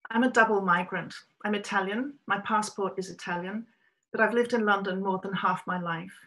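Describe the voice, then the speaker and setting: A middle-aged Australian writer talks to camera from a small room via webcam, giving a prepared talk full of measured, reflective storytelling. Her voice is mid-range and a bit bright, with fairly even intonation.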